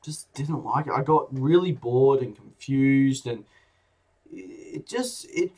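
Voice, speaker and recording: A man's voice: mid-range voice, slow, gravelly, a little mellow, husky. Blunt, rambling man reviewing movies. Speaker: film reviewer. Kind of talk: casual video review.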